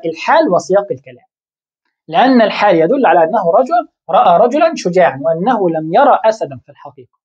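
Lady teacher explaining stuff, asks herself questions, voice jumps around a lot, kinda muffled lo-fi sound. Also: sits high. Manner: asks rhetorical questions and answers them, with halting restarts. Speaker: Arabic grammar teacher. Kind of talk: explaining a lesson.

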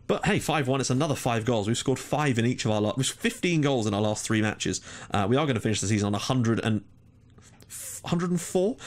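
A young man giving casual commentary over a football management game, animated, swearing and exclaiming at what happens on screen. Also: lowish voice. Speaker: gaming YouTuber.

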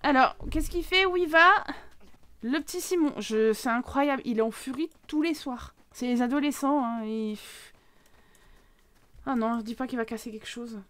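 A woman talking through a life-simulation game as a YouTube let's-play host, chatty and breaking into sudden excited exclamations. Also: high-pitched, normal speed. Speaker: gaming YouTuber.

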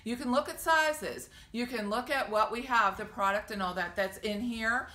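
A bright, forceful, high-leaning voice at normal speed belongs to a woman in her forties who owns a boutique. She chats cheerfully through a casual sale walkthrough video from the doorway outside to inside the store, peppering it with ums and lavish praise, in roomy sound with faint noise.

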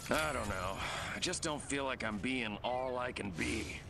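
Brief: a gruff, bored army grunt, gravelly voice, game audio over heavy noise. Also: male voice, medium pitch, a little slow. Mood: grumbling. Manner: coarse and grumbling.

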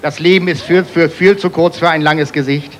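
A man from Hamburg with a Hamburg accent doing rapid-fire stand-up jokes on stage, punchy one-liners, keeps calling the crowd "friends". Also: on the high side, fairly even intonation. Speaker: stand-up comedian. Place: live stage before a laughing audience. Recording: TV show stage recording with crowd noise.

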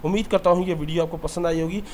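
Earnest high-voiced male teacher. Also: steady tone, rapid-fire, a little hiss or hum. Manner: earnest and heartfelt, speaks about his own mistakes. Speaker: English teacher. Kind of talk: motivational lesson talk.

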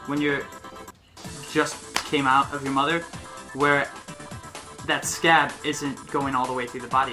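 A young man co-hosting a video, arguing his points in a casual, playful debate. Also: medium pitch. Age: young adult. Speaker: video co-host. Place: small living room, indoors on a sofa. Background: music.

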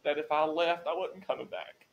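A gravelly, slightly high male voice at a moderate pace belongs to a podcast guest in his forties. He recounts his faith testimony with earnest emotion, his voice rising at the moving moments. The sound quality is lo-fi.

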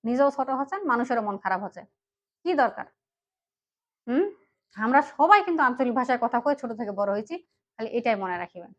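A woman's voice: a little high, expressive, a little fast, long pauses, highs cut off. A woman from Panchagarh with a northern Bangladeshi dialect, talking earnestly to her viewers and often asking them "right?". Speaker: vlogger. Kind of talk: direct-to-camera talk.

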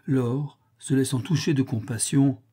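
A man reading a classic tale aloud as an audiobook narrator, in a calm, even storytelling manner. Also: medium pitch, measured pace, breathy edge. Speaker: audiobook reader. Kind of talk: scripted narration.

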